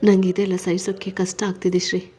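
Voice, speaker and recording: A woman's voice: mid-range voice, completely flat delivery, a little fast, warm tone, slightly rough, natural voice. A woman reading a story, voicing a stubborn but tender young husband who is weary and troubled.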